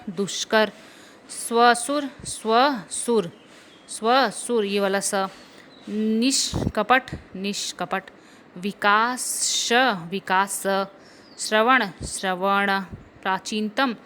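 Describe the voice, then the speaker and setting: A woman's voice: medium pitch, sharp tone, slight background noise. A woman teacher going through Hindi spelling corrections, spelling out words letter by letter.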